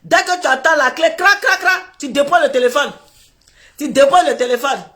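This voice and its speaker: High-voiced woman telling comic stories. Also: moderate pace, fairly bright tone. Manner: laughs through her words, acts out little scenes. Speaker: social media commentator. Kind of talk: animated comic storytelling.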